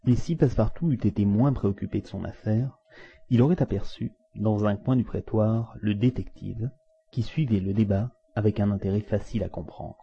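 A man narrating a classic adventure novel aloud in an expressive, dramatic reading style. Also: on the low side, normal speed, creaky, breathy edge. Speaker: audiobook narrator. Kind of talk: storybook narration. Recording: dull lo-fi recording.

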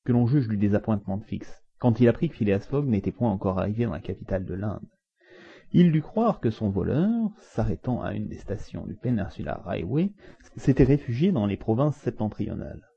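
Brief: male audiobook narrator, animated and husky, on a dull lo-fi recording. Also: lowish voice, a little fast. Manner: expressive, dramatic reading. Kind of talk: storybook narration.

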